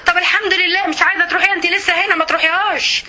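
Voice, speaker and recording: A woman with an Egyptian Arabic accent giving an emotional religious lesson to women, often pausing to check that her listeners follow. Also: very high voice, level tone, pushed and bright. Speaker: religious teacher.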